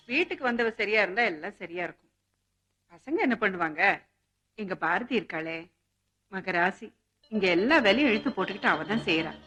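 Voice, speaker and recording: An actress playing an older matriarch of a farm family who wails and scolds over a crying child. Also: female voice, mid-range voice, a bit bright, close to an everyday voice. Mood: wistful. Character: anxious grandmother, matriarch of a farm household.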